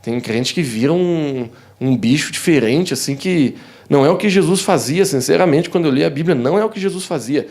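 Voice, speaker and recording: Preaching in a church hall, a young pastor from Brazil speaks with a southern Brazilian Portuguese accent and a fairly high, slightly fast voice. He keeps things warm and chatty, calls his listeners "dear ones," and brings his stories to life by performing each character's voice.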